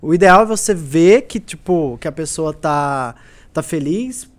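A man's voice: on the high side, expressive, a little slow. A man, a musician guest telling stories earnestly in a casual podcast chat. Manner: earnest, repetitive storytelling.

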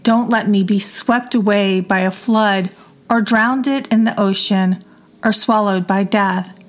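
A woman reading psalms aloud in a measured devotional reading. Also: medium pitch, steady tone. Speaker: scripture reader.

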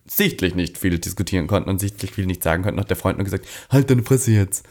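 A young man from Austria, co-hosting a podcast, tells street stories at a rapid clip in a lowish voice. He acts out each quoted line as he goes. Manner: animated storyteller, acts out quotes. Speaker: podcast co-host. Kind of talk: casual chat.

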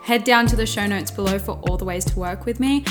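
A woman with a mid-pitched voice delivers an informal motivational podcast monologue. She cannot quite say her R's, which come out close to W's. Her talk is emphatic and coach-like, circling back on phrases and swearing casually. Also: fast talker, over music. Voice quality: cannot pronounce R's properly, r sounding like w.

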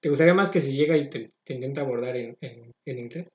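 A man's voice: medium pitch, quick pace. A young Mexican man joking and asking questions in a casual chat. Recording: echoey room.

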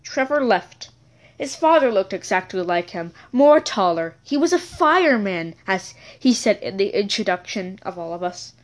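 A woman's voice: mid-range voice, big pitch swings, moderate pace. A woman telling a childhood story in a casual, rambling episode, correcting herself and adding chatty asides.

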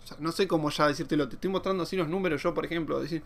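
Fast-talking Argentine man, gravelly. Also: fairly high pitch. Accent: Argentine Spanish. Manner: animated, slangy, quotes imagined people in his own voice. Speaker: podcast host and YouTuber. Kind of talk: casual monologue podcast.

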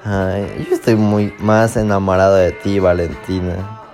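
Teasing young man, low voice. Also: little pitch movement, unhurried, a little mellow, soft background music. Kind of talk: casual chat.

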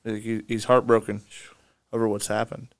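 Smooth, flat-voiced man reading scripture. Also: lowish voice, moderate pace, dry recording. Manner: reads scripture aloud, then comments with restarts. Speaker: podcast co-host. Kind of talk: casual Bible study discussion.

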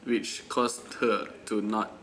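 A man's voice: lowish voice, flat delivery, takes it slowly, fairly bright tone, a little hiss or hum. A young man hosting a casual podcast, laughing often and stumbling through restarts. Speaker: podcast host. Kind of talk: casual chat.

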